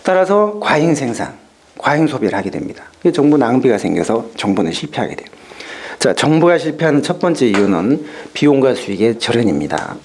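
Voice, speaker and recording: Animated male lecturer. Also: medium pitch, brisk, husky. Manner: explanatory, steps through worked examples, keeps opening with "자". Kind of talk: exam-prep lecture.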